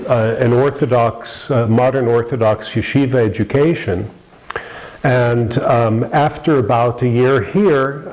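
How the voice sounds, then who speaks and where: A man's voice: medium pitch, darkish tone, rough recording. A middle-aged man from New York with an American accent, giving a rambling public lecture with many fillers and restarts. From New York City, USA.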